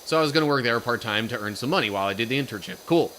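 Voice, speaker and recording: A man's voice: medium pitch, lively intonation, racing, a bit bright, a little hiss or hum. A young man from Pennsylvania, chatting casually on a live stream, telling a rambling story and reading chat comments aloud.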